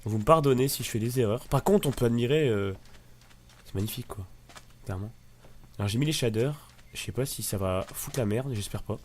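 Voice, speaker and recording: A man's voice: mid-range voice, fairly quick, slight background noise. A man with a northern French accent giving rambling, casual commentary while playing a game, often swearing lightly. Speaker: gamer. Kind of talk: casual let's-play commentary.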